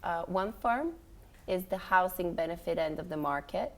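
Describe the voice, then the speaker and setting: A woman guest giving informal television recommendations in a halting, explanatory way. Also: on the low side, animated. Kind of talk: informal review chat.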